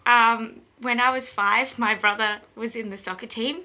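A woman's voice: fairly high pitch, steady tone, normal speed, sharp tone. A young Australian woman at college, telling her story in a casual interview, rambling and laughing often. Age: young adult.

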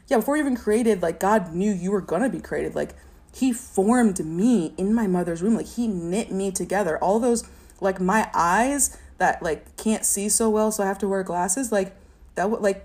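A young woman giving a personal testimony in an interview, talking in a halting, reflective way with many fillers and a stutter. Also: mid-range voice, a little mellow. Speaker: interview guest.

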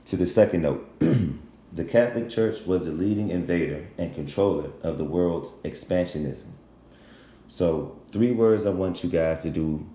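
A man with a cold, speaking low in a casual monologue to his followers, often restarting and correcting himself as he explains. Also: mellow, reverberant, slight background noise. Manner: conversational, often restarts and corrects himself, asks "you understand?". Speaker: social commentator addressing followers.

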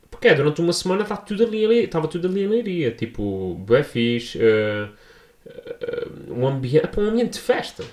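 Young man, European Portuguese accent, casual vlog storytelling, slangy and animated, medium pitch, echoey room. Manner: animated, slangy, jumps into high-pitched voices for quoted people. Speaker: vlogger.

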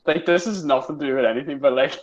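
A man's voice: a little high, fast talker, lo-fi sound. A young man, chatting casually on a podcast and laughing through rambling school stories. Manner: laughs often while telling stories, rambling. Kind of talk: casual chat.

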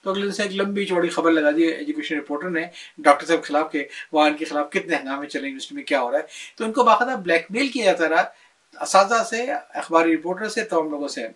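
A man retelling a memoir as casual talk, animated, acting out the quoted dialogue. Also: a little high, far from the mic.

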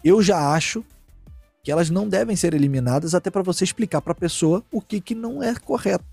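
Slangy animated man, husky voice. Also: high voice, brisk, no room sound, faint music behind. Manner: slangy, animated storytelling, acts out quotes. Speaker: streamer and podcast host. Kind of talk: casual chat.

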